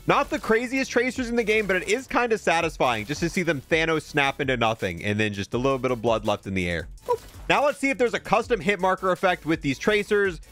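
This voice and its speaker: A man hosts a gaming video reviewing a cosmetic bundle, offering casual, conversational commentary and thinking aloud as he goes. His voice is on the high side with a fairly bright tone.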